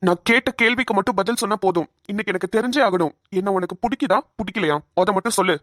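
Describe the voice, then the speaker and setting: A woman's voice: medium pitch, quick pace, fairly bright tone, no echo, clean studio sound, natural voice. A woman voicing a demanding young man. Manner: pleading, then demanding. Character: insistent young man pressing for an answer. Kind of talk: cartoon voice acting.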